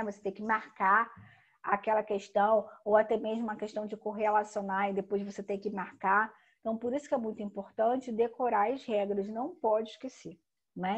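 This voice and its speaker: A woman teacher giving a recorded grammar lesson, explaining slowly and emphatically with frequent tag questions. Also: mid-range voice.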